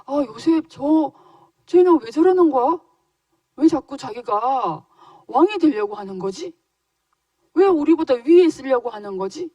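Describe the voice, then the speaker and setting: Woman doing mad jealous big brothers, loud and squeaky, a bit off mic. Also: lively intonation, unhurried, no echo, distant mic, highs cut off. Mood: angry, indignant. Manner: indignant, loud and raised. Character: angry jealous older brothers, young men. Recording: dry voice a little off-mic.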